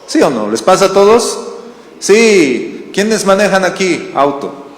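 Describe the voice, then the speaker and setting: A man's voice: high-pitched, takes it slowly. A man from Bolivia preaching a sermon as pastor, telling stories and asking the congregation questions. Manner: animated storytelling with questions to the congregation. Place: church hall. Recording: roomy church hall reverb.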